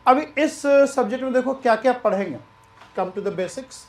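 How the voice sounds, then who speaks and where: A man teaching maths in a relaxed, chatty way, mixing Hindi and English and repeating himself. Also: extremely high pitch, normal speed, echoey room. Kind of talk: lecture.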